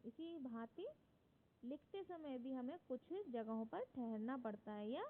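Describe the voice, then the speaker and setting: Slow, patient Indian woman teacher on a tinny line. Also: high-pitched, expressive. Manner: patient, explains step by step with frequent "है ना?" checks. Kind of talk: classroom grammar lesson. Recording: tinny phone-like audio with faint noise.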